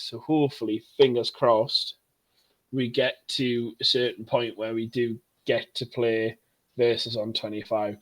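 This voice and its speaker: A man's voice: medium pitch, rough recording. A young man co-hosting a podcast, rambling and teasing his friends in casual chat. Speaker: podcast co-host.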